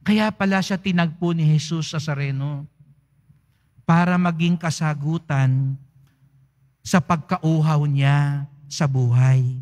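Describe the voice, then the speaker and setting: A man's voice: fairly high pitch, fairly even intonation, slow, pauses often, darkish tone. A man, a priest, giving a sermon to his congregation in a conversational style, asking rhetorical questions and playfully acting out parishioners' lines. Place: large church. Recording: long church reverb.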